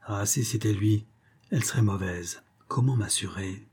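A man's voice: fairly low pitch, moderate pace, a little mellow, husky. A man voicing a showy young conjurer. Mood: worried. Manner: showy and theatrical, like a stage conjurer. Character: smooth-talking amorous man doing a parlor trick.

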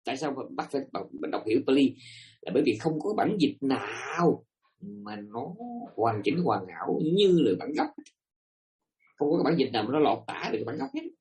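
A man's voice: medium pitch, very animated, fairly quick, a little mellow. A man giving a Buddhist dharma talk to listeners, emphatic and asking them rhetorical questions. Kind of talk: dharma talk to a live audience.

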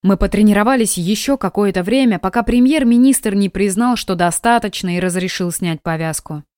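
A woman narrating a first-person audiobook in a lively, expressive way, close to a studio mic. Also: medium pitch, a little fast, no echo.

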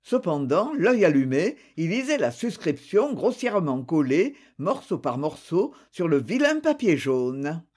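A narrator reading a novel aloud at an unhurried pace, with plenty of lively movement in the pitch. The delivery is measured and literary. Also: husky. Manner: measured, expressive storytelling. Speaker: audiobook narrator.

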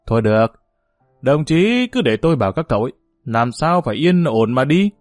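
A man's voice: mid-range voice, very animated, a little fast, darkish tone, no echo, faint music behind, close to an everyday voice. Guy reading a firm older official, clipped orders, dry sound. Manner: brusque, authoritative. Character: senior male provincial party leader, firm.

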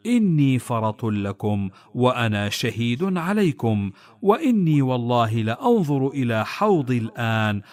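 Male reader for classical religious texts: measured and solemn, with a very animated, rising and falling melody in an average pitch. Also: no echo. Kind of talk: formal reading of religious texts.

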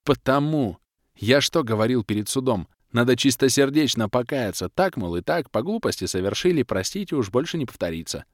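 A grumpy male prisoner scolds his companions in a grumbling, lively voice, as a man puts him on. The audiobook recording sounds dry and close. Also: medium pitch, fairly quick, no echo, pitched above the performer's own voice, lightly acted. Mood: scolding.

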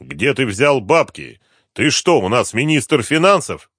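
A man reading an audiobook, voicing a brutal, gruff male police inspector who talks harshly and with threats. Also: mid-range voice, sing-song, a little slow, fairly bright tone, no room sound, clean studio sound, pitched above the performer's own voice, exaggerated voice. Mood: angry interrogating.

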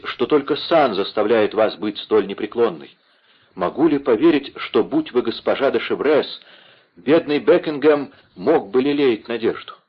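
A man's voice: lowish voice, husky, dull audio. A man playing a passionate, devoted young nobleman in an audiobook, speaking ardently. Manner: ardent, impassioned.

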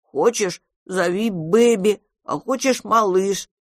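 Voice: medium pitch, slow pace, no echo, studio quality, voice pushed up. A reader voicing a huge, clingy monster child who talks in a tearful, pleading, childlike way in an audiobook. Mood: sleepy. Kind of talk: audiobook character reading.

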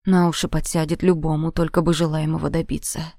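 A woman reading an audiobook, voicing a calm, gruff male bodyguard with a deep bass voice who talks in a steady, placating way. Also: fairly quick, dry recording, clean studio sound. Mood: blunt. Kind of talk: audiobook character voice.

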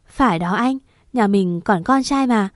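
A woman's voice: medium pitch, unhurried, no echo, natural voice. An earnest aunt who pleads for mercy in an everyday voice, as a woman narrator puts her on. The recording is close and dry. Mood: pleading.

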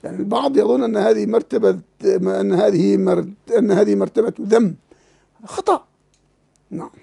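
Gravelly, husky-voiced teacher. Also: male voice, sits high, fairly quick. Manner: emotive and animated, often laughing and repeating words while he thinks; asks students rhetorical questions. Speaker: teacher of Islamic legal theory. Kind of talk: classroom lecture explaining a text to students.

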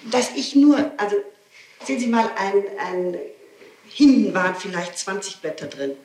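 On an old 1960s tape, a woman suspect answers questions under interrogation, insistently explaining herself and often repeating her points in spontaneous testimony. Her voice is medium-pitched, expressive and a little mellow, at normal speed, with a roomy sound.

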